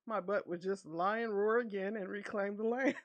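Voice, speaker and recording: With a medium-pitched voice at a moderate pace, a woman VTuber reads an online story to her stream. She comments along the way and frequently laughs between lines.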